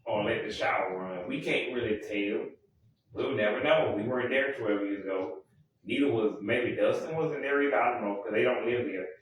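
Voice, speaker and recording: A man rambling in a casual monologue, often correcting himself and filling pauses. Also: mid-range voice, a little hiss or hum. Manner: rambling, self-correcting, many fillers. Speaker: music vlogger. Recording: echoey room, mic far off.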